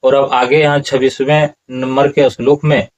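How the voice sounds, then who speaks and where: A man teaching Sanskrit verse pronunciation in a slow, explanatory lesson, repeating words syllable by syllable. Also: mid-range voice, flat delivery, highs cut off.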